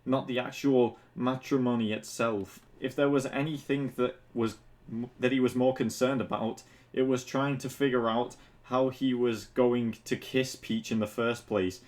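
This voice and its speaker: A man reads fan fiction aloud as the narrator for an online video, his medium-pitched voice unhurried, a little mellow, and fairly even in intonation. Every so often he breaks off into casual, mocking asides, swearing now and then.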